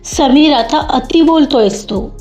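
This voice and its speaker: A woman's voice: sits high, takes it slowly, darkish tone. A woman voicing a stern male boss. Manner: stern, firm. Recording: dull lo-fi with faint music.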